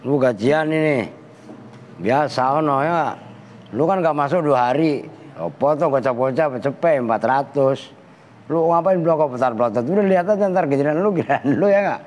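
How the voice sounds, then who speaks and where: Teasing his students in slangy Betawi Jakarta Malay, a kyai delivers a relaxed, bantering Arabic grammar lesson. His voice is a little high and a little mellow, at a normal speed. Faint background noise and the reverb of a large hall are audible.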